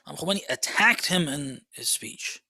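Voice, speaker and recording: A man giving a religious lecture in a conversational way, asking rhetorical questions and moving between soft asides and raised, emphatic passages. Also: on the high side, expressive, normal speed, dry recording. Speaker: Islamic lecturer.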